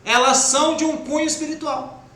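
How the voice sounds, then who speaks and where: A man with a Brazilian Portuguese accent giving an informal spiritist talk, acting out everyday speech in quick quoted asides. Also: very high voice, steady tone, pushed and bright. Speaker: spiritist lecturer. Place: spiritist center hall. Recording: echoey room with faint noise.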